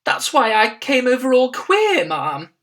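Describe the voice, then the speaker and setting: A woman's voice: high voice, wildly swooping pitch, unhurried, a bit bright, voice pushed up, heavily acted. A woman voicing a fussy, plain-spoken middle-aged maid who speaks in a deferential, flustered, homely way. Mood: anxious.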